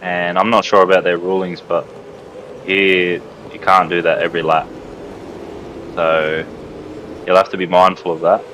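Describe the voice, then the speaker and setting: A man with a low, deep voice acts as co-commentator on live motorsport. His delivery is casual, built from short informal reactions and remarks. Clear vehicle-like noise runs behind him. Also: level tone, measured pace, long pauses, fairly bright tone, dull audio.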